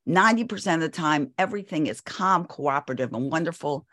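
This is an older woman with a fairly low voice, giving parenting advice in an interview. She is firm and instructive and circles back to repeat her key points. The sound is dry, with no room echo. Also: expressive, fast talker, fairly bright tone. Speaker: parenting expert guest.

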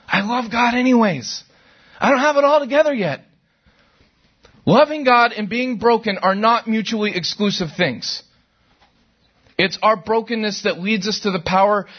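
A middle-aged man preaching a sermon to a church service, conversational and animated, with sudden loud outbursts. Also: a little high, slightly rough, highs cut off. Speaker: pastor.

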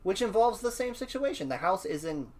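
A young man in casual podcast chat, telling stories in an animated, swearing, trailing-off way. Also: sits high, brisk.

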